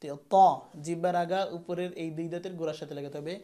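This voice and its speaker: A man teaching how to pronounce Arabic letters, repeating each sound slowly and firmly for learners to copy. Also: a little high, fairly even intonation, dark tone. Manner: slow, demonstrative, repeats each sound emphatically. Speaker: Quran teacher. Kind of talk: pronunciation lesson.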